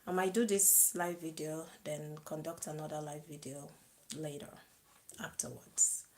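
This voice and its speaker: A woman hosting her own live video, chatting slowly to viewers, greeting them and laughing softly. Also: sits low, steady tone, low-quality recording. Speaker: live-stream host. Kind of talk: casual live-stream chat to viewers.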